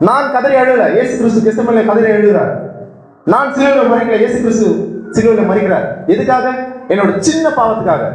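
A man preaching an earnest sermon, repeating words and swinging between high urgent pleas and low quiet passages. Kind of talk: Tamil sermon. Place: church. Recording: very echoey church hall with faint noise.

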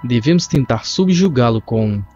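A man voicing a stern old male king of the gods, read plainly in his own warm voice. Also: mid-range voice, lively intonation, normal speed, lightly acted. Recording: muffled lo-fi with faint music.

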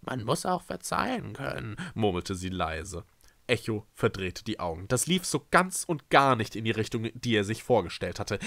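A man reading a novel aloud with lively, expressive narration. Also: mid-range voice, no echo. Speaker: reader. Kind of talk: storybook read-aloud.

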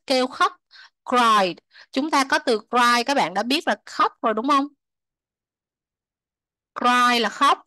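A woman teaching English to children, repeating words slowly, translating them and chatting with soft sentence endings. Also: on the high side, dry recording. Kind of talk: explaining a textbook lesson to children.

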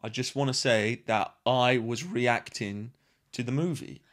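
A man's voice: medium pitch, a little slow. A man, hosting a movie reaction, exclaiming and laughing often. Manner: excitable, exclaims a lot. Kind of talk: casual reaction chat.

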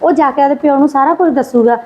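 A woman's voice: high-pitched, fast talker, a little mellow, close to an everyday voice. A woman playing a patient mother who pleads and placates while defending her son. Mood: pleading. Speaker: visiting daughter and mother.

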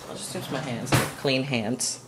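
Slow, low-voiced young woman vlogging. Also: animated, heavy background noise. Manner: chatty, rambling, giggly. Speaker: cooking vlogger. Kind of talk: casual cooking vlog. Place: home kitchen.

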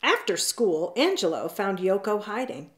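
Seated on a leather couch at home, a storytime reader shares a children's picture book. Her phrasing is drawn out and expressive, the pace slow, and her pitch bounces and swoops with liveliness.

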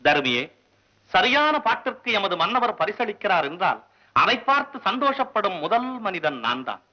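A man playing a stern, proud elder court poet in a 1960s Tamil film, speaking in formal, lofty, scolding lines. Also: high-pitched. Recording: dull old film soundtrack.

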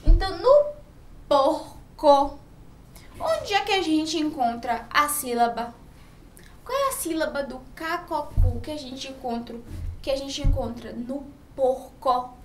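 A Brazilian woman teaching young children to read, her high voice swooping up and down as she stretches out each syllable. She talks slowly and keeps asking the class questions. The recording sounds roomy and a little distant, with faint noise behind her. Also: expressive. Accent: Brazilian Portuguese. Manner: slow, sing-song, drawn-out words, asks children questions. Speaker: primary school teacher. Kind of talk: children's literacy lesson.

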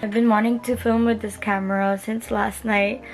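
A young woman chatting casually to camera in a vlog, her voice hoarse and partly gone. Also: mid-range voice, little pitch movement, moderate pace, faint music behind. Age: young adult. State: voice partly gone after a party. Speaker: vlogger. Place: small bedroom, indoors. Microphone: camera at arm's length.

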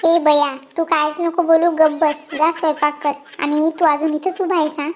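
Squeaky pitch-shifted cartoon cat husband, short-tempered and shouting, voiced by one performer. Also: level tone, slight background noise. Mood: scolding. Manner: shouting, rapid scolding. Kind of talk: comic cartoon dialogue.

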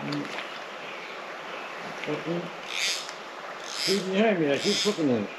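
A man's voice: fairly high pitch, lively intonation, slow pace, background noise. A man, making short laid-back remarks while he wades and fishes a river, picked up from far off by a shore camera. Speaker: fishing companion. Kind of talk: casual outdoor chat. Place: wading in a river outdoors.

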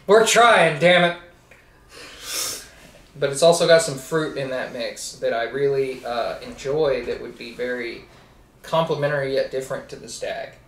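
A man's voice: mid-range voice, moderate pace. A man co-hosting a casual whiskey tasting chat, rambling and laughing often as he restarts his sentences. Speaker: co-host of a whiskey review channel. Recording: echoey room, mic at a distance.

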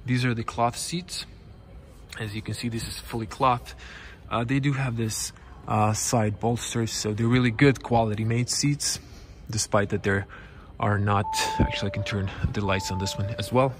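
A young man whose first language is Croatian, giving a casual walkaround car review in a showroom, talking haltingly with many fillers into a handheld camera. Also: on the low side, steady tone, a little hiss or hum. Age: young adult. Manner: halting, many fillers, non-native phrasing. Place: car dealership showroom, inside a car. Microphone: handheld camera close to face.

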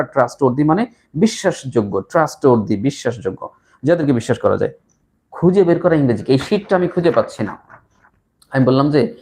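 A man's voice: medium pitch, darkish tone. Man drilling English phrases. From Bangladesh. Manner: slow, repetitive drilling of phrases with pauses. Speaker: English tutor. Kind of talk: live online English lesson.

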